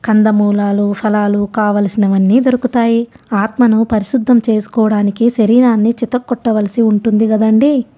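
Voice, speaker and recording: A woman's voice: medium pitch, level tone, normal speed, warm tone, close to an everyday voice. A woman voicing a grandiose, fawning old male hermit who rambles on without stopping. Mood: eager rambling. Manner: rambling nonstop, fawning then boastful.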